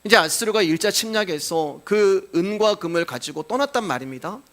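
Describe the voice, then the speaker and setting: High-voiced male pastor preaching. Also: a bit bright. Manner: explanatory, addresses congregation with rhetorical questions; cues scripture readings aloud. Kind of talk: sermon.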